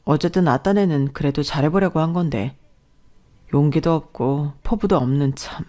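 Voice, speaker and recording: A woman reading the lines of a kind, meek young husband who speaks softly and apologetically. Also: low voice.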